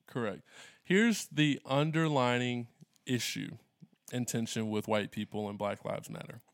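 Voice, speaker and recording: A man's voice: mid-range voice, measured pace, dry recording, studio quality. A pastor talking earnestly in a conversation, retelling his exchanges with congregants and playing their quoted voices with animation. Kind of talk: conversational discussion.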